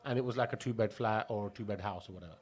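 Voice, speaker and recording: A man's voice: fairly low pitch, fast talker, husky. A man from Pakistan telling stories as a podcast guest, chatty and laughing, with many restarts. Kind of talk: casual interview storytelling.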